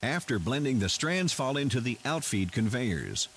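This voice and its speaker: A man reading a scripted industrial plant tour as narrator, in a measured, explanatory way. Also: mid-range voice, very animated, a little hiss or hum.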